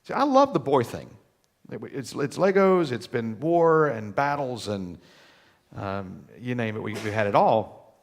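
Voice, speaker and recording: A man preaching a sermon in a church, folksy and animated, acting out little quoted voices and repeating words as he starts a thought. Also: medium pitch, a little slow, gravelly. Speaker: pastor. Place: church sanctuary.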